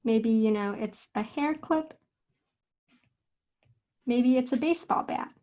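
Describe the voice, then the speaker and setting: A young woman teaching a casual drawing lesson, talking in a relaxed, chatty way with fillers and self-corrections. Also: fairly high pitch, slow. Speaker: art instructor.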